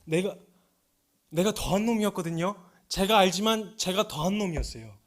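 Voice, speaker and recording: A man preaches in a church, his voice pitched high for a man. He tells his story with feeling, sinking to soft, hushed confession and then climbing into fervent, pleading appeals. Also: normal speed. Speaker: missionary preacher. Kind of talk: sermon with personal testimony. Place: church sanctuary.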